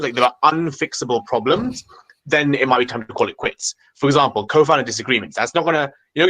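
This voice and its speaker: A man's voice: mid-range voice, a bit bright, low-quality recording. A man on a startup panel, answering in a structured way and listing his points in turn.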